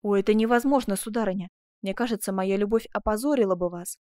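A woman's voice: mid-range voice, quick pace, dark tone, no room sound, close to an everyday voice. A woman reads a young man torn and pleading in a storybook. The delivery is earnest and agitated, close and dry to the mic.

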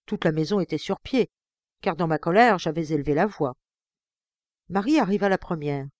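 A woman narrating an audiobook in a measured, expressive first-person reading. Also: on the low side, no room sound. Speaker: audiobook reader.

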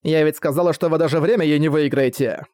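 Haughty cruel young villainess voiced by a man, cold, scornful, spits her words, a bit high, dry close sound. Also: quick pace, darkish tone, no echo, natural voice. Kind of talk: audiobook character voice.

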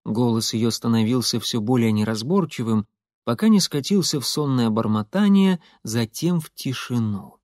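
A man narrating an audiobook in the first person, telling the story in a lively, expressive way. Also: medium pitch, moderate pace, no room sound. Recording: dry close studio sound.

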